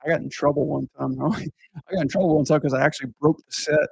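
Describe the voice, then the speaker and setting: A man's voice: a little high, fairly even intonation, fast, gravelly, darkish tone, husky, dry recording, low-quality recording. A man talking in a loose, rambling way, swearing often and leaning on fillers like "like" and "you know.". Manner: rambling, profane, heavy use of filler words. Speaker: podcast guest recounting a haunted house job. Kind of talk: casual chat.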